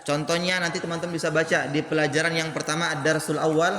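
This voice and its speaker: A man's voice: a little high, little pitch movement, quick pace, bright, forceful tone, slight background noise. A man teaching a classroom lesson in a mosque, explaining patiently, repeating terms and asking the class questions. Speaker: Quran recitation teacher. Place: large mosque hall. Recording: echoey mosque hall, faint ambience.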